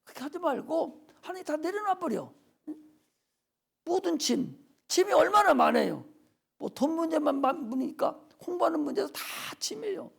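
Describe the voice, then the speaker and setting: Gravelly fervent Korean pastor preaching. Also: male voice, extremely high pitch, very animated, normal speed. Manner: fervent, swinging between loud urging and soft near-whispers. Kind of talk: Friday worship sermon.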